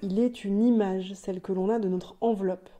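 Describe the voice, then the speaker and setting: Mellow-voiced woman hosting a podcast. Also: mid-range voice, fairly even intonation, moderate pace, soft background music. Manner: didactic, explanatory, with light asides. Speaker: podcast host. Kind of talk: scripted solo podcast monologue.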